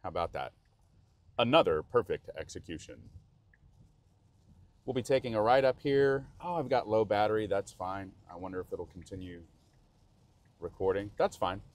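Here a man with a fairly low voice talks at a normal speed, leaving long pauses. He's a vlogger with a Texas accent, driving through rain and giving chatty, meandering commentary that keeps interrupting itself, filmed on an in-car action cam.

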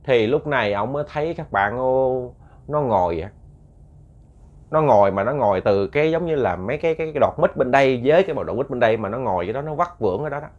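Male storyteller, chatty suspense narration, mid pitch, muffled recording. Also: fast. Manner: animated, repeats words for suspense, addresses listeners. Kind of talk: casual spoken storytelling.

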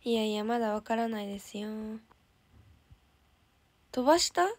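Young woman idol, higher voice, casual and bubbly livestream chatter with frequent soft whispered asides. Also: animated, moderate pace. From Japan. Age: young adult. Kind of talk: casual livestream chat, reading viewer comments.

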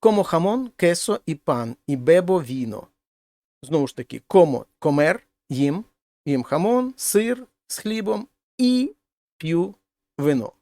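Male language teacher, slightly higher voice, patient step-by-step grammar explanations, dry close recording. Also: big pitch swings, measured pace, darkish tone, no room sound. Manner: explains step by step, translating each example. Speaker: Spanish teacher.

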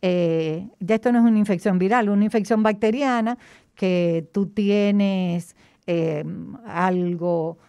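A woman's voice: medium pitch, slow, warm tone, clean tone, no room sound, studio quality. A woman cardiologist speaking emphatically through a face mask in a closed room behind plastic screens, chatting about health on air. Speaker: cardiologist, show regular. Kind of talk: casual health talk on air.

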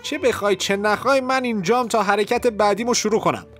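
A man doing an eager young spider hero, high and pushy. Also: fairly bright tone, soft background music.

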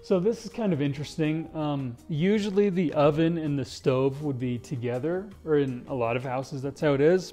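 Filming himself selfie-style on a handheld camera, a young English teacher vlogger shows viewers around the indoor kitchen of a big house in a casual, jokey way. He keeps saying "dude," and his voice sits on the high side with a dark tone.

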